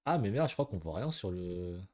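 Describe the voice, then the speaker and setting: A man quietly muttering his way through a game, commenting to himself as he explores. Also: sits low, sing-song, normal speed. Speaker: gamer. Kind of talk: let's play commentary.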